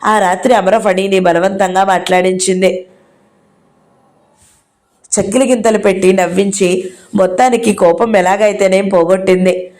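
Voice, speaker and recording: A woman reading a novel aloud as narrator, with a steady storytelling delivery. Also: mid-range voice, normal speed, pauses often.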